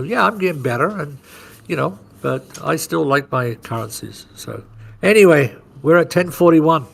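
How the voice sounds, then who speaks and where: A man with a medium-pitched, creaky voice hosts a trading podcast, with a slight hiss or hum in the background. He talks through chart moves in a casual, conversational way and keeps checking in with "right?". He's an animated storyteller who acts out market scenarios.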